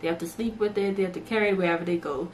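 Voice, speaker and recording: Speaking very fast at a fairly low pitch, with slight noise behind her, a young Bahamian woman chats casually to camera in her bedroom. The lively vlogger shows off baby shower gifts in a haul video, talking with her hands throughout.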